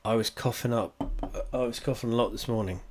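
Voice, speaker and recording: A man's voice: mid-range voice, brisk. A man, stuffed up and coughing, giving a meandering, profane, wry review at home. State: congested, coughing. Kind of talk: rambling casual review. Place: at home indoors.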